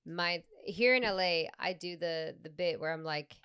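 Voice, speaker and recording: Lively Peruvian woman swapping English and Spanish. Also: on the low side, moderate pace, smooth, no echo, clean studio sound. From Peru. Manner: animated storytelling, switching between English and Spanish, frequent laughs. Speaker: podcast co-host and stand-up comedian. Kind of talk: casual podcast chat.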